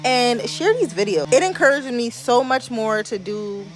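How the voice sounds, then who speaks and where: A woman's voice: on the high side, expressive, normal speed, low-quality recording. A young American woman giving a casual vlog voiceover, informal, slangy and confiding in how she talks. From New Jersey and New York, USA. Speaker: vlogger. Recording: music playing behind the voice. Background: background music.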